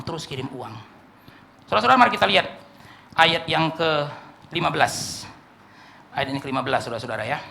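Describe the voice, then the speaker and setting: A man preaching a sermon with an Indonesian accent, swinging from hushed asides to shouts and often addressing the congregation. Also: on the high side, creaky, slight background noise. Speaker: pastor.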